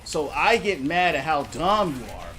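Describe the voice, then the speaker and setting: A man with a slightly higher voice rants at his chat while streaming a game, heated and mocking, circling back to the same jabs again and again. A faint noise hums behind him. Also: sing-song, a little slow, fairly bright tone. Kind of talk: ranting live stream commentary.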